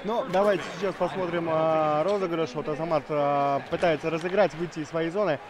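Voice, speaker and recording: High-voiced, quick male co-commentator. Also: fairly even intonation. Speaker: esports hockey co-commentator. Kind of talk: live commentary, chatty exchanges with a partner. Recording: noisy venue with crowd behind the voice. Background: crowd and venue noise.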